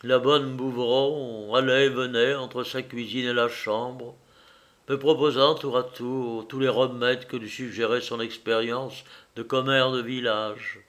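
A man narrating a first-person novel in a measured, expressive reading. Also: medium pitch. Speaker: audiobook narrator.

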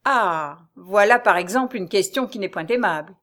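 Une femme qui lit un livre audio et prête sa voix à un mari vengeur, moqueur et froidement ironique. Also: female voice, medium pitch, lively intonation, moderate pace, a bit bright, natural voice. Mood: sarcastic menace. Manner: mocking, cold and ironic. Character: sneering vengeful husband, a grown man. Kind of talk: audiobook reading of a serial novel.

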